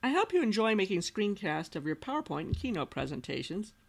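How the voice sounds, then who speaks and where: A woman with a gravelly, fry-edged voice talks through a software tutorial as a screen-capture voice-over. She explains each step patiently and plainly, as an instructional designer would. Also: mid-range voice, sing-song, fairly quick, slight background noise. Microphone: voice-over recorded over screen capture.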